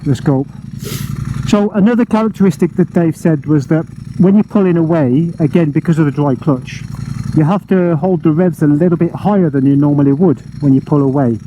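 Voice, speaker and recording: A man's voice: fairly high pitch, a little fast, lo-fi sound, background noise. Enthusiastic man, hesitant delivery. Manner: enthusiastic, hesitant with many fillers. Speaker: motorcycle vlogger. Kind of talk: casual first-ride review.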